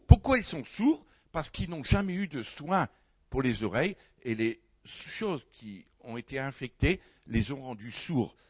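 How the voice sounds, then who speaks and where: A man preaches to a congregation, telling a story from his own life with bursts of loud emphasis and quick asides. His voice is slightly husky and sits fairly high, with a very lively, swinging pitch. The sound is dry and close, with no room echo. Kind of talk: sermon with personal testimony.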